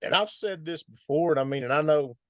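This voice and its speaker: A man's voice: on the high side, a little fast, a bit bright, no room sound. A man with an Appalachian hillbilly accent giving casual, emphatic sports commentary as a football film analyst, folksy and repeating points for stress.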